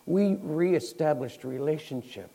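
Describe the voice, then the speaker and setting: A man's voice: a little high, lively intonation, a little slow, gravelly, mellow, low-quality recording. Folksy storytelling male preacher. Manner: storytelling, acting out quoted people; folksy, with fillers and restarts. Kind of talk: conversational sermon.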